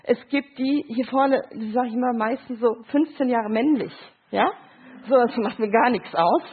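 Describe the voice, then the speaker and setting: A woman's voice: a little high, normal speed, breathy edge. A middle-aged woman, a grief counselor, gives a talk with picture cards, explaining with short examples and quoted voices and checking in with "Ja?". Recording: thin phone-like sound.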